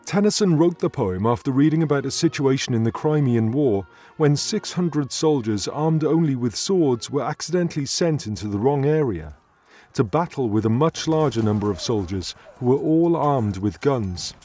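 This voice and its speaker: A man, delivering a scripted poetry tutorial in a measured, earnest way. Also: mid-range voice, expressive, dark tone, soft background music. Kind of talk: scripted educational narration.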